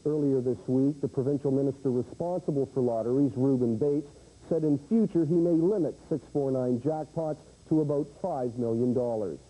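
A man's voice: medium pitch, normal speed, warm tone, poor audio. A man in his thirties delivering a scripted on-camera news report in a studio with a handheld microphone.

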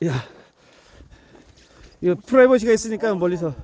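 A man's voice: high-pitched, moderate pace, a little mellow. A man outdoors chatting casually with a friend, teasing and cheering him on in exclamations. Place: outdoors in winter.

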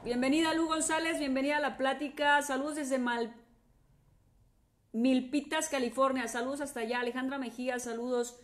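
A woman's voice: high voice, steady tone, moderate pace. A woman singer with a Mexican accent chatting casually with fans on a live stream, greeting viewers by name and trailing off in restarts.

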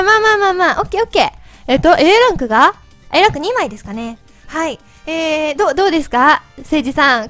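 A woman hosts gameplay in a squeaky helium voice, pitched very high. She chatters casually and quickly, with playful excitement, over background music. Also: no echo. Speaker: host of a mobile game channel.

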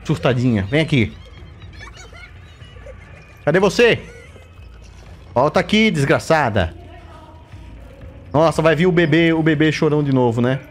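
A man with a Brazilian Portuguese accent doing let's play commentary, jumpy and swearing, with bursts of squeaky baby talk. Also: lively intonation, unhurried, long pauses, faint music behind. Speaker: gameplay streamer.

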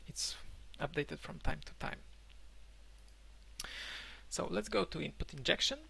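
A young man whose first language is Polish gives an online conference talk from a room at home, pausing often with fillers and restarts over a webcam microphone. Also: on the high side, gravelly, bright, forceful tone, breathy edge. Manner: halting, many fillers and restarts. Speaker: conference speaker. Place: indoor room, remote talk.

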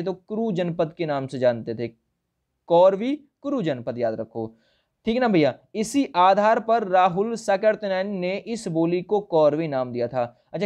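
A man's voice: sits high, a little mellow. A man teaching an exam-prep lesson, posing quiz questions and repeating each point with reminders to remember it. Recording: dull lo-fi sound.

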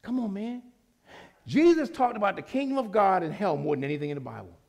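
Animated, gravelly preacher in full cry. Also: male voice, fast talker. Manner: call-and-response preaching, shouting at peaks then dropping low. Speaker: pastor. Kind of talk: sermon. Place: church sanctuary.

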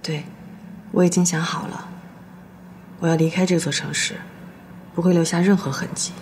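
A young actress playing a heartbroken lawyer who speaks quietly, with resignation. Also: female voice, on the low side, fairly even intonation, moderate pace, slight background noise, lightly acted. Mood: firm. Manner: quiet, resigned, soft-spoken. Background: soft guitar music.

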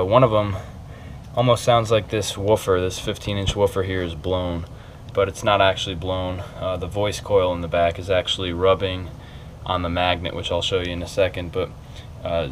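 In a small, cluttered indoor room with carpet, a video maker with a low voice talks through a hands-on repair tutorial. His delivery is casual, a little hesitant, informal and unscripted. Slight background noise can be heard.

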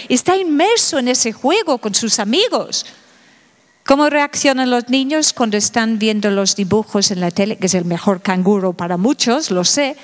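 High-voiced woman lecturing in a hall. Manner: asks the audience many rhetorical questions. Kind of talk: public lecture. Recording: reverberant hall recording.

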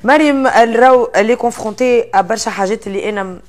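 Rapid-fire Tunisian woman in her thirties. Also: a little high. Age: 30s. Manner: lively, mixes in French phrases, laughs often. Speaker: interview guest, influencer. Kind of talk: casual interview chat. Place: indoor studio set with armchairs.

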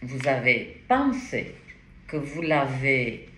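Slow, hesitant woman reading tarot. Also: a bass voice, very animated, a bit bright, echoey room, slight background noise. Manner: hesitant, rambling, many restarts and interjections. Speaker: tarot reader.

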